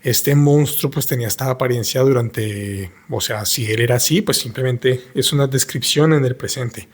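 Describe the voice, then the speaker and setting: A man with a somewhat husky, breathy voice gives a patient language lesson. He explains slowly, pausing often as he reads short lines and translates them. His pitch sits in an ordinary middle range. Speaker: French teacher.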